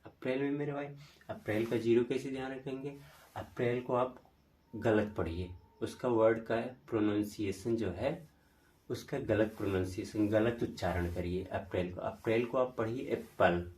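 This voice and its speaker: A man's voice: fairly low pitch, darkish tone, far from the mic. A man teaching an exam-prep lesson, repeating memory tricks over and over. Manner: slow, repetitive, drilling memory tricks.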